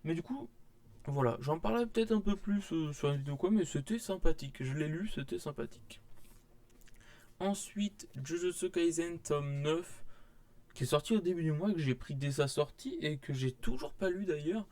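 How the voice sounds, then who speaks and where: A man's voice: on the high side, normal speed, dark tone. A young man, casually rambling through a manga haul vlog with many fillers and restarts. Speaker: manga vlogger.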